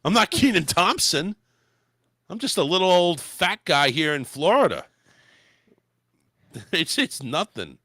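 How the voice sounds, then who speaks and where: A man's voice: a little high, big pitch swings, a little slow, long pauses, sharp tone, no room sound, studio quality. A man hosting a casual comedy podcast, crude and profane, rambling through celebrity gossip. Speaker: podcast host. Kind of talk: casual comedic chat, recapping celebrity news. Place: home studio in Florida.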